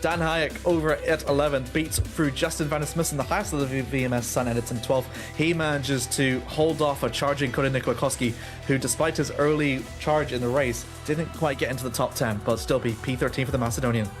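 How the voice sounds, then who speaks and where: A male motorsport commentator with a mid-pitched voice runs through results for viewers in live broadcast style. Music plays behind him. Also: fairly even intonation, fairly quick.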